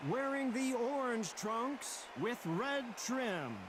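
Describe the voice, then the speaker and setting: A man playing a boxing ring announcer giving slow, formal, drawn-out introductions. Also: very high voice, lively intonation, crowd noise, noisy background, exaggerated voice. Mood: ceremonial.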